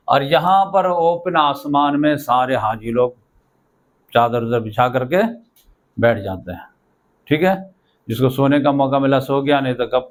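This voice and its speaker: A male teacher giving a lesson, who keeps asking his listeners questions, answers them himself, and checks after each step that they have followed. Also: fairly high pitch. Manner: repeats checking "okay?" often.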